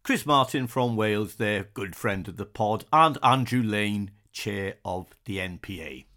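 A man's voice: fairly low pitch, a little slow, pushed and bright. A man hosting a festive podcast in an informal, jovial manner. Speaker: podcast host.

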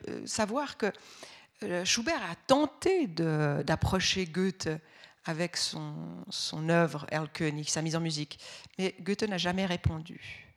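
A woman giving a spoken music lesson, explaining patiently with frequent hesitations and restarts. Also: medium pitch. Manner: reads the ballad aloud with expressive voices. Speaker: music teacher. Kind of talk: spoken lecture.

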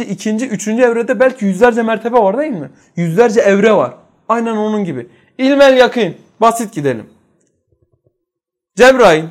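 High-voiced man teaching a faith lesson. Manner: quizzes listeners with rhetorical questions. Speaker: religious teacher. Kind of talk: religious study lesson.

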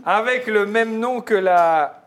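High-voiced playful man hosting a quiz. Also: fairly bright tone. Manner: playful, reads clues slowly and teases. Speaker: quiz host. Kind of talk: casual quiz show banter.

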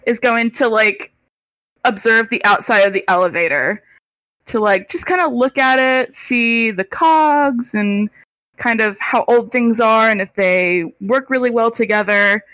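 A woman's voice: a little high, unhurried, a bit bright, no echo, rough recording. A woman playing a tabletop role-playing game, casual and giggly. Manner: giggly, playful. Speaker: player.

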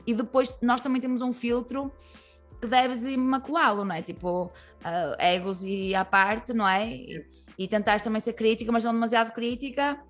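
A woman's voice: fairly high pitch, fairly even intonation, moderate pace, soft background music. A woman with a European Portuguese accent, a comedian talking candidly as a guest, rambling through many fillers and restarts. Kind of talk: candid podcast conversation.

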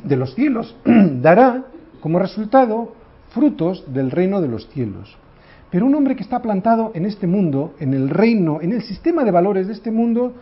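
A man preaching a sermon, asking rhetorical questions and swinging between loud emphasis and soft, low phrases. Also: slightly rough. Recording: dull lo-fi recording.

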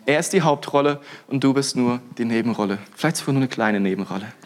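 At a quick pace and in a mid-range voice, a young pastor preaches casually and with energy. Lots of "hey," other interjections, and restarts keep his sermon lively and colloquial.

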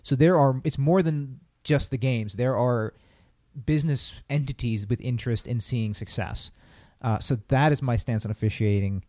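Dude talking sports on a podcast, earnest, keeps restarting, dark voice. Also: male voice, mid-range voice, moderate pace, dry recording. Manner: earnest, opinionated, many restarts. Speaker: podcast co-host. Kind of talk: casual sports chat.

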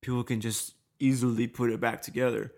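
Young dude, gravelly voice, casual swearing storyteller. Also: male voice, mid-range voice, flat delivery, fairly quick, a little mellow. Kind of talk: casual chat.

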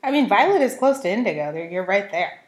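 A young woman co-hosting a casual chat, animated and swearing freely with frequent laughs. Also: mid-range voice, fast talker, roomy sound. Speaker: co-host.

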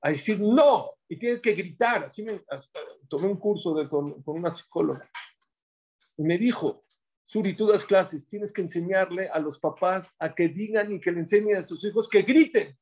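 A man giving a religious class, preaching in an animated way and acting out the quotes in his stories. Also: high voice, normal speed. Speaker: religious teacher.

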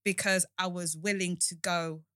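A woman's voice: lowish voice, steady tone, normal speed, sharp tone. A young woman from East London with a London roadman, multicultural East London accent, chatting casually and slangily as an interview guest. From East London, England. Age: young adult. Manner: slangy, frequent 'like' and 'innit'. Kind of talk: casual chat.

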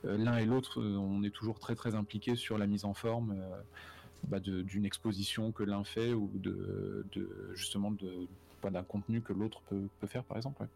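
A man's voice: lowish voice, little pitch movement, moderate pace, vocal fry, a little mellow. A man talking casually as a guest about his career, hesitant with many fillers and restarts. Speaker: guest, animation director. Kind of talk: casual conversational interview.

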